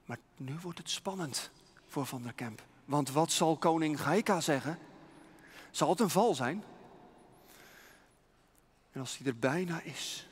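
A man's voice: medium pitch, breathy edge. A man freely telling a mission story to children, dramatic and suspenseful, with many rhetorical questions, heard with a long hall reverb.

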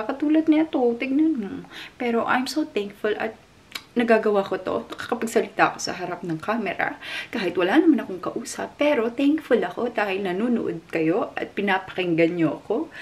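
A young woman from the Philippines, chatting casually to the camera in a vlog, emotional and quick to laugh. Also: a little high. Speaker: vlogger.

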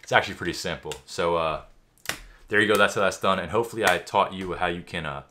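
A man's voice: deep voice, fast, sharp tone, a little hiss or hum. A man giving a mock magic tutorial commentary in an offhand, boastful, know-it-all way. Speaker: YouTuber.

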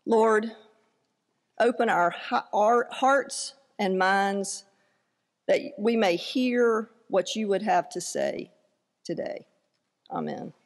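A woman pastor delivering a sermon and scripture reading in a measured, earnest way. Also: mid-range voice. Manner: measured, earnest delivery with light self-deprecating asides. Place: church sanctuary. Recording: long hall reverb in a church.

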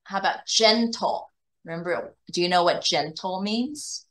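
An English tutor gives a one-on-one bilingual lesson to a young student, explaining with patience and frequently checking that the child keeps up. She speaks in a lowish, unhurried voice with a fairly bright tone.

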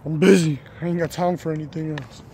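A young man rambles through a casual vlog, short of breath and repeating himself. His voice sits slightly high. Faint outdoor hum and passing traffic sit behind him. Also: steady tone, fairly quick, mellow. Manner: rambling, repeats "of course" constantly. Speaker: vlogger.

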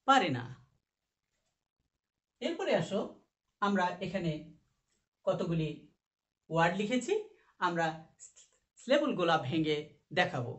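A man's voice: sits high, a bit bright. A man teaching a recorded class, who asks his students questions and answers them himself. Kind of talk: recorded online class lesson. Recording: echoey room.

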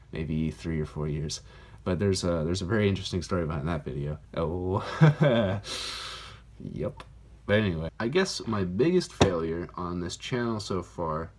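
A man hosting his own channel, talking casually to camera in a rambling, self-deprecating way full of fillers, recorded on a phone. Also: deep voice. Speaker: YouTuber, channel host. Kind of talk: casual vlog talk to camera. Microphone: phone camera mic.

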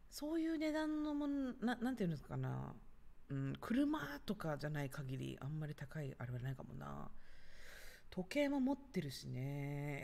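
Lady in her 30s chatting on a home livestream, lowish voice, swoops up and down a lot, long reverb. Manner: chatty, acts out little scenes in other voices, reads viewer comments aloud. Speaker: livestream host. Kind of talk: casual livestream chat. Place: apartment home.

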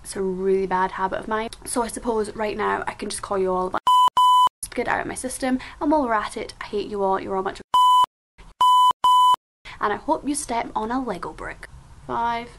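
A woman's voice: medium pitch, a little fast, pauses often, heavy background noise. A seventeen-year-old woman from Scotland with a Scottish accent, chatting playfully and poking fun at herself in a casual home vlog. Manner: chatty, self-mocking and playful. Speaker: vlogger.

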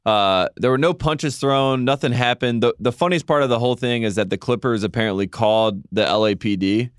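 A man's voice: mid-range voice, fairly quick, smooth, dry recording, clean studio sound. A man co-hosting a podcast, telling stories in a wry, joking way in casual chat. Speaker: podcast co-host.

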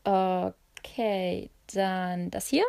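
A cheerful young woman, a best friend, talking in a breezy, chatty way, as a woman reading the story puts her on. Her voice sits at an ordinary middle pitch. The sound is dry and close, with no room around it. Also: fairly even intonation, drawn-out words, vocal fry, dark tone, clean tone, no room sound. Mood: upbeat.

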